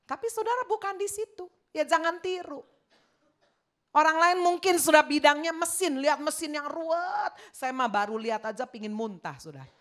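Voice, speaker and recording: A woman's voice: high-pitched, lively intonation, normal speed, a bit bright. A woman pastor preaching a sermon in an emphatic way, talking straight to her congregation.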